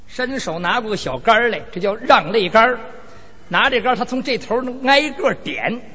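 A man telling a traditional tale, animated and comic, his very high voice swinging widely. The recording is dull and lo-fi, with a long hall reverb. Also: a little fast, slightly rough. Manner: animated, dramatic, humorous. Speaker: storyteller. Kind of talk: traditional storytelling performance.

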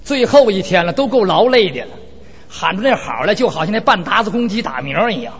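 A man performing a traditional story, animated, dramatic and humorous. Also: high-pitched, fairly quick. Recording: reverberant hall, dull lo-fi sound.

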